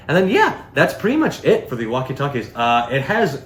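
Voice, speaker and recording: Rambling through an unscripted product demo, a male reviewer speaks casually and leans heavily on filler words. His medium voice is fairly bright and swings hugely in pitch, at a normal speed. Faint background noise and a roomy echo fill the audio.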